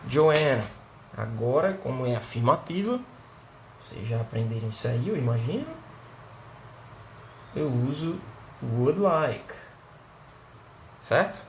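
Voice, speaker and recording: A man's voice: medium pitch, lively intonation, slow pace, pauses often, slight background noise. A male teacher from Brazil with a Northeastern Brazilian accent, giving a remote lesson and explaining step by step, often checking in with the class. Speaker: English teacher.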